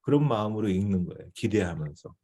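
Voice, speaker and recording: A man's voice: on the low side, lively intonation, fast talker, mellow. A male missionary teaching a devotional seminar in a conversational way, often checking in with his listeners.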